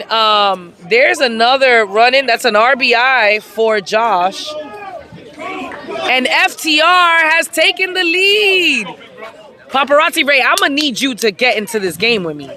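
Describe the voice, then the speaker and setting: A woman calling a softball game play by play from outdoors at the field, excitable and hyping each play with shouts. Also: a little high. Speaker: play-by-play commentator. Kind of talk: amateur sports commentary.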